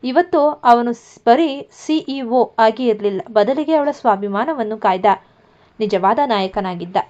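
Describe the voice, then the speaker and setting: A woman narrating a romantic story in a scripted, even storytelling delivery, in a muffled lo-fi recording. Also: a little high, a little slow.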